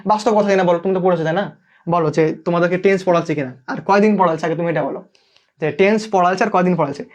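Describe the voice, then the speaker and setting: A man's voice: high voice, rapid-fire. A young man with a Bangladeshi Bengali accent teaching a live online English class, checking in with students again and again. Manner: checks in constantly, asks students to comment. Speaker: English tutor.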